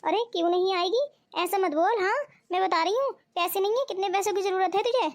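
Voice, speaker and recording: A kind, cheerful young cartoon bride who reassures her friend, as voiced by a woman. Her voice is very high. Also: quick pace. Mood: generous. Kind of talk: cartoon voice acting.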